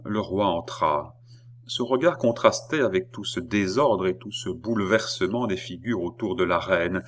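A man narrating a classic novel in a measured, expressive reading. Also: low voice. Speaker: audiobook reader. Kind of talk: literary narration.

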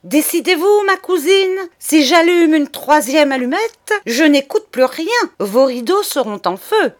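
A woman's voice: medium pitch, unhurried, lightly acted. A woman doing a cheeky, defiant young boy.

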